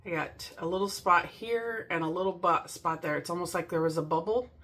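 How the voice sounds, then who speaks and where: A middle-aged woman hosting a casual DIY crafting vlog from a home craft room, gushing and excited as she talks to her viewers. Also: lowish voice, a little fast. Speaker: crafting channel host.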